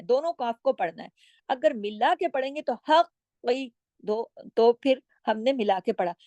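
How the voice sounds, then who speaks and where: Lady teacher going over recitation rules, kinda high voice, stretches words out slow, dry close sound. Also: a little mellow, no echo. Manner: patient, explanatory, checks in with "okay?"; draws out words slowly when demonstrating. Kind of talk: recitation lesson with slow demonstrations.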